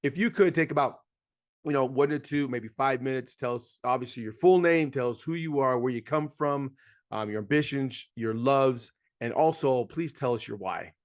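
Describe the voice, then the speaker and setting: A man's voice: mid-range voice, moderate pace. Enthusiastic male podcast host. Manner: upbeat, enthusiastic, with bursts of speed. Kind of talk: podcast interview.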